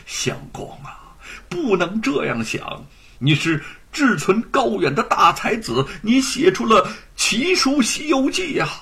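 A man voicing a gentle young wife who speaks softly and tenderly to comfort her husband. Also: sits high, very animated, a little slow, vocal fry, husky, voice pushed up, exaggerated voice. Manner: soft, tender, coaxing.

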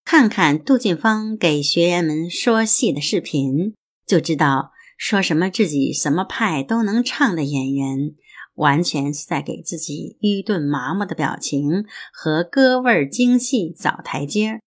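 A woman host reading an essay aloud in a measured, deliberate way. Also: fairly low pitch, animated.

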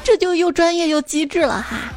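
A woman's voice: extremely high pitch, brisk, faint music behind. A woman reading funny anecdotes aloud, playfully acting out the dialogue. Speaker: joke reader.

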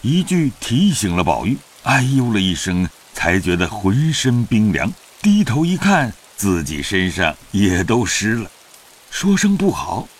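A man narrating a classic novel in an audio drama, in an expressive storytelling manner. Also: lowish voice, husky.

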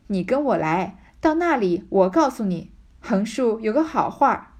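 A woman's voice: mid-range voice, very animated, normal speed, a little mellow. A woman doing a wheedling, fawning sister-in-law. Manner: wheedling, coaxing, secretive.

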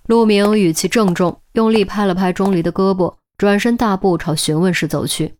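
A woman reading a crime audiobook in a steady storytelling manner. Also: medium pitch, moderate pace. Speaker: audiobook narrator. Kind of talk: scripted audiobook narration.

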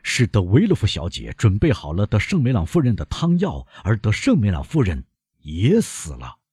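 A man reading an audiobook, voicing a stern doctor who lays out an accusation in a cold, measured way. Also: fairly low pitch, huge pitch swings, dark tone, husky, no echo, clean studio sound, exaggerated voice. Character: stern older male doctor, relentless accuser.

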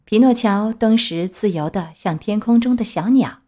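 A woman reading a storybook aloud to children in a gentle, clear way. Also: mid-range voice, moderate pace.

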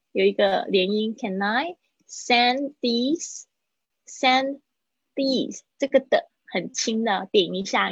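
A woman teaches English in a livestream lesson. Her voice is a bit breathy, at a middle pitch. She says the phrases slowly, then explains them briskly, and the dry recording sounds slightly muffled. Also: no room sound. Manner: slow drilled English phrases between quick Mandarin explanations.

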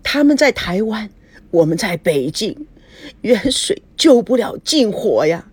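A woman voicing a steady elderly grandfather who speaks in a measured, soothing way in a storybook reading. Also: medium pitch, breathy edge, no echo.

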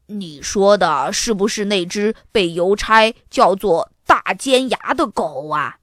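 A woman reading a storybook, voicing a curious father in a lowered voice. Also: animated, takes it slowly, fairly bright tone, no room sound, clean studio sound.

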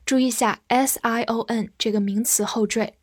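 A woman whose first language is Chinese, teaching English vocabulary, patiently spelling words letter by letter and leading slow read-alongs. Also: a little high, fairly even intonation, dry recording, clean studio sound.

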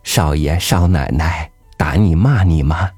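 A man voicing a gentle, poor village mother who talks softly and coaxingly to her young daughter. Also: low-pitched, a little slow, breathy edge, no room sound, soft background music. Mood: tender, coaxing. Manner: soft, coaxing.

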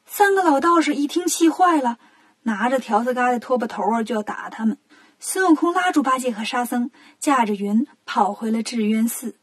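A woman narrating a children's story in a lively, animated way. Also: on the high side, moderate pace, breathy edge.

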